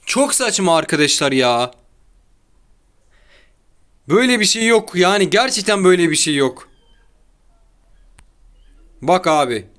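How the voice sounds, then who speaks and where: A man's voice: high-pitched, sing-song, unhurried, pauses often, fairly bright tone. A young man hosting his gaming channel, talking casually over his gameplay, often exasperated and complaining in slangy chatter, recorded at home. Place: home room near an open window. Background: a child heard outside.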